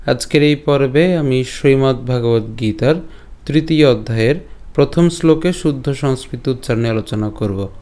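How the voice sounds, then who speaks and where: A man with a Bengali accent teaching Sanskrit verse pronunciation, slowly drilling each syllable and asking rhetorical questions. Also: mid-range voice, warm tone. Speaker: Gita teacher. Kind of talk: recitation lesson.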